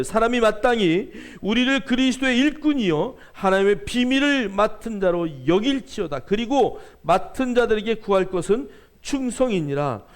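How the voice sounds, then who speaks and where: A man's voice: high voice, clear, resonant tone. A male pastor preaching a sermon in church, joking with the congregation and urging them on. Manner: playful, jokes with the congregation; exhorting, calls out to the congregation.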